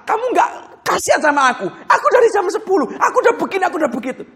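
A male preacher voicing an angry, worn-out woman hotel guest who pleads and scolds in a shrill tone. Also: very animated, rapid-fire, a bit bright, full character voice. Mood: whining.

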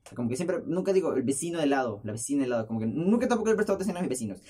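Young guy joking around to his camera, husky mellow voice, bouncy pitch. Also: very fast. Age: young adult. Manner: jokey, self-mocking, lively storytelling with laughs. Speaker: podcast host. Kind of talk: casual rambling monologue. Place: his bedroom at home. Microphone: camera's built-in mic, close up.

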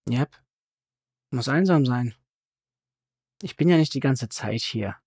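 A man's voice: mid-range voice, lively intonation, slow pace, darkish tone, slightly rough, no room sound, clean studio sound, heavily acted. A man doing an easygoing, evasive boss. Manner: friendly and easygoing. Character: friendly, evasive middle-aged boss.

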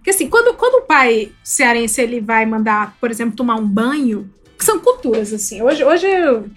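A woman's voice: a little high, very animated, moderate pace, soft background music. A woman hosting a podcast, joking playfully and answering her own questions in casual chat. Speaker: podcast host.

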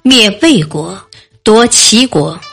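A woman storyteller narrating a classical history tale in a slow, deliberate scripted reading. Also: medium pitch, expressive, creaky, fairly bright tone, breathy edge, faint music behind.

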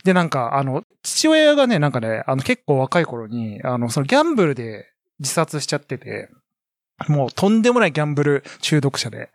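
Podcast guy rambling along, lots of ums, pitch jumps all over, dead dry mic. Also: fairly quick, no room sound. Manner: lively, rambling with many fillers. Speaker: podcast co-host. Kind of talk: casual chat.

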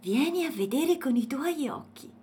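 Squeaky happy little elephant boy from a storybook, put on by a woman reader, bouncy. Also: animated, moderate pace, dark tone, slight background noise. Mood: cheerful. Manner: cheerful, playful. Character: friendly young male elephant calf.

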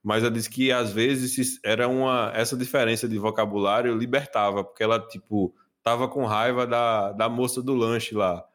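A man's voice: medium pitch, fairly even intonation, moderate pace, few pauses, fairly bright tone. A man hosting a podcast, telling funny stories in casual chat and laughing often. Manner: jokey storyteller, laughing often. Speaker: podcast host.

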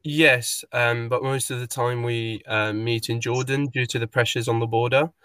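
A man's voice: mid-range voice, fairly even intonation, moderate pace, sharp tone, clear, resonant tone, no room sound. Hesitant young man, dry close sound. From Palestine. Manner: hesitant, many fillers and restarts. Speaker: guest. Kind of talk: casual podcast interview.

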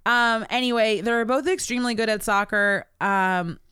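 A woman's voice: a little high, moderate pace, sharp tone, clean tone, no echo, studio quality. A woman co-hosting a podcast in casual chat, rambling with fillers and frequent laughter. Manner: giggly, rambling with many fillers. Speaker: podcast co-host.

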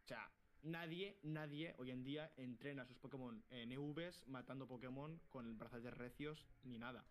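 A man from co-hosting a casual podcast, telling stories fast and laughing often. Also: medium pitch. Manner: fast, animated, laughing storyteller. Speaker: podcast co-host. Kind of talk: casual chat.

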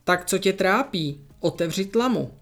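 A storyteller voicing a mischievous, bossy little girl who talks in a playful, excited way. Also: mid-range voice.

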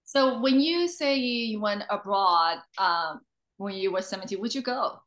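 A woman's voice: medium pitch, unhurried, fairly bright tone. A woman hosting a casual interview, affectionate and enthusiastic toward her guest. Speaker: host.

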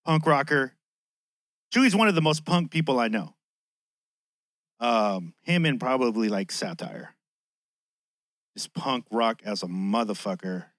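A man's voice: mid-range voice, expressive, a little slow, pauses often, fairly bright tone, dry recording, studio quality. A man with a lisp and whistling s sounds hosting a podcast in a casual, slangy, chatty monologue that swears freely. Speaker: podcast host.

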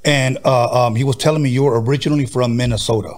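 A man in his fifties hosting a casual interview, asking relaxed, friendly questions. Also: medium pitch, quick pace. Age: 50s. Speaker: interview host.

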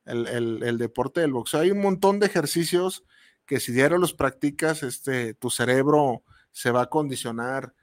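A man's voice: medium pitch, normal speed, no room sound, clean studio sound. A man with a Mexican accent hosting a podcast, talking in a casual, slangy and rambling monologue and acting out the people he quotes. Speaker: podcast host.

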